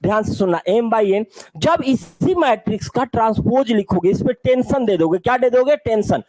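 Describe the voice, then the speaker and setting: Guy teaching maths online, really high pitched, playful, keeps asking the class stuff. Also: lively intonation, moderate pace, a little mellow, no room sound, low-quality recording. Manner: playful, repeats "look carefully" and asks the class questions.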